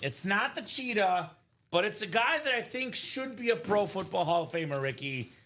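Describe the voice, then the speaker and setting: A man in his thirties hosting a live card break, chatty and energetic, calling out names and teams. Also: high voice, moderate pace, slight background noise. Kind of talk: live stream commentary.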